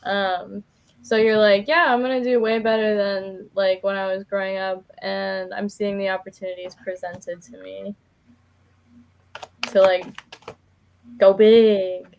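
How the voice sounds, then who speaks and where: As a guest on a live stream, a woman does an informal tarot reading, chatting easily but hesitating often and saying "like" a lot. Her medium-pitched voice is gravelly and flat, a little slow, and the recording has its highs cut off.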